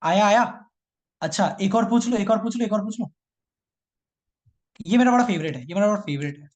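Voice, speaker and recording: High-voiced man teasing his coding class. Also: animated, a little fast, darkish tone. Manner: teasing, repeats each line twice, mixes English terms into Hindi. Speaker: programming teacher. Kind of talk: live online coding class.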